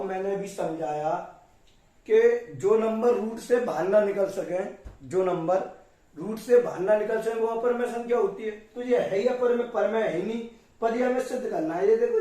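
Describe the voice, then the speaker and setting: In a classroom with a board, a male teacher explains a math lesson step by step with a high, warm voice. He often addresses his students lovingly as "beta," and the recording is very echoey, with him sounding far off.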